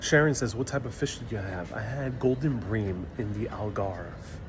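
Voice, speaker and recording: Speaking at a moderate pace in a voice on the lower side, a New York City man runs a live travel Q&A on his phone. He reads out what viewers write and responds with relaxed jokes, with crowd chatter filling the background.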